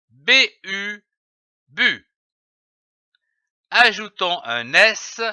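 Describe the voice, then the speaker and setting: A man narrating a reading lesson, spelling out letters and syllables one by one with long, careful pauses. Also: high voice, sharp tone, no echo. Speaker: reading teacher. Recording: dull, lo-fi dry voice-over.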